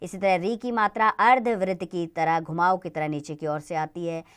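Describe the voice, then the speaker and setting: A woman teaching a grammar lesson to children, spelling out sounds slowly and deliberately. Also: on the low side, fairly even intonation, smooth.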